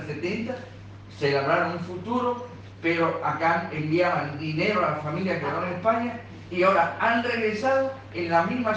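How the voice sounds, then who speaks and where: A man's voice: a little high, a bit bright. A man representing a pensioners' association, making an earnest, insistent public appeal. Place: meeting room in parliament. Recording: echoey room, recorded from far off, noisy.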